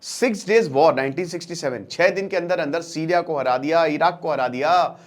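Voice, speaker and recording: A slightly fast, high-leaning male voice belongs to a current-affairs educator who presents a channel. He gives a relaxed explainer lecture in storytelling style, acting out dialogue, using colloquial language directly to listeners, and repeating phrases for emphasis.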